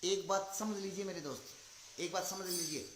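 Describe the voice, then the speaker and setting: A man giving a motivational talk, telling a story dramatically and acting out its shouting characters, swinging between loud and soft. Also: high voice, fairly even intonation, moderate pace, reverberant, background noise. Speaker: motivational speaker for a business network. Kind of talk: motivational talk with acted anecdotes.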